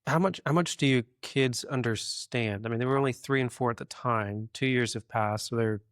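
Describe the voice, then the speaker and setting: Male interview host, medium pitch, measured conversational delivery, rewording as he goes, dry recording. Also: clean tone, no room sound.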